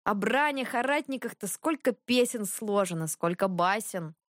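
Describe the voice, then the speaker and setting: A woman voicing a lively, teasing young tsar's son who pokes fun at his brother. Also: medium pitch, normal speed, no echo, studio quality, lightly acted. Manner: teasing, animated.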